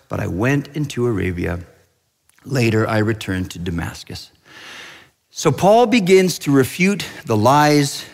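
Man, pastor, sermon, chatty storytelling, middle pitch, long hall reverb. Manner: conversational storytelling with frequent restarts and asides.

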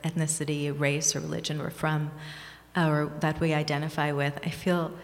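A Bangladeshi woman author, appearing as a guest, answers interview questions in a measured, earnest, reflective way in a small community gathering room. Her voice sits low for a woman and stays level in tone, and a long reverb trails her words around the hall.

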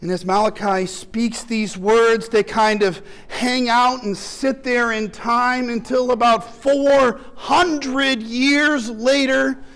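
A man's voice: very high voice, steady tone, takes it slowly, few pauses, a bit bright, smooth. A male pastor delivering an impassioned sermon, building through rhetorical questions.

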